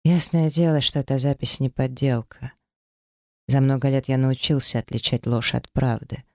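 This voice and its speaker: A man narrating a first-person audiobook story in a cold, flat, detached manner. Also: mid-range voice, moderate pace, no room sound, clean studio sound.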